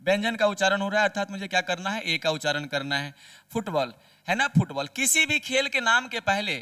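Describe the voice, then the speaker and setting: High, bright-voiced male Hindi teacher. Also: lively intonation, fast, smooth, far from the mic. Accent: Hindi-speaking Bihar. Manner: repeats each answer after asking it aloud. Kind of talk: grammar lesson with rhetorical questions.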